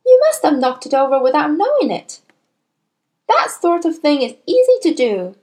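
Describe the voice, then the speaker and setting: A woman playing storybook young female teacher, high pitch, kind, earnest, polite but firm, lilting delivery. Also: very animated, normal speed, warm tone.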